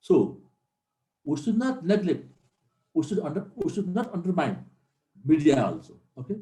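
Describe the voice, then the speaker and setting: His voice is fairly high-pitched, very animated and warm, delivered at normal speed. He's a middle-aged man from Nepal, an earnest military instructor lecturing a class and repeating key points for emphasis, recorded with a roomy echo.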